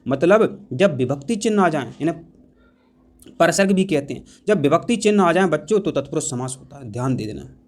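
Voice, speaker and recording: A man's voice: fairly high pitch, lively intonation, a little fast, a little mellow. A man teaching an exam-prep grammar lesson, repeating key points and putting questions to the class. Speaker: Hindi teacher.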